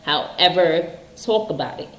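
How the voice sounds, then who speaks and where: A woman's voice: deep voice, expressive, measured pace, reverberant, rough recording. A woman giving casual motivational self-help advice, earnest, often checking in with "okay?". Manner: earnest, repeats points with "okay?".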